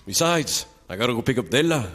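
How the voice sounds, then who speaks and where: A man's voice: mid-range voice, animated, quick pace, a bit bright. An actor playing a proud, defiant young pachuco man with a Mexican-American accent. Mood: affectionate, eager. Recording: reverberant hall.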